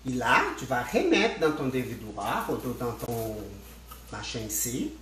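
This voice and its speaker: Slow-talking man, echoey room. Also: mid-range voice, big pitch swings, a bit bright, a little hiss or hum. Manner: repeats and restarts words, addresses viewers directly. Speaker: spinning instructor. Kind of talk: casual livestream tutorial.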